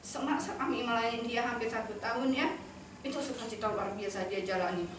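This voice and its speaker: A woman speaks earnestly, telling a heartfelt testimony to a church gathering. Her voice sits a little high. She is heard from a distance in a very echoey hall, with steady background noise. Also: a little fast. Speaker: church member giving testimony. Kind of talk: personal testimony to a congregation. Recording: echoey hall, mic far off, noisy.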